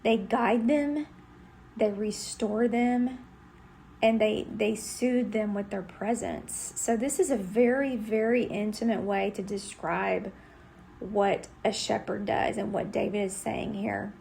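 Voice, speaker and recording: Gravelly-voiced woman teaching scripture. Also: mid-range voice, steady tone, slow, a little mellow, a little hiss or hum. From Texas. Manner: earnest, conversational, with fillers. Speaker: Bible teacher. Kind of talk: devotional teaching.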